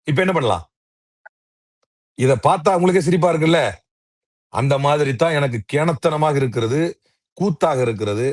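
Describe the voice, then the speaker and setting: A man's voice: mid-range voice, dry recording, clean studio sound. A man arguing politics in an interview, combative and mocking, firing off rhetorical questions. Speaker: interview guest, political commentator. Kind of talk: heated political argument.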